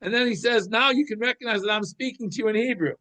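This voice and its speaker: A Torah teacher gives an informal religious lesson, explaining scripture like a lively storyteller who thinks aloud and repeats phrases. He speaks in a high voice at a quick pace.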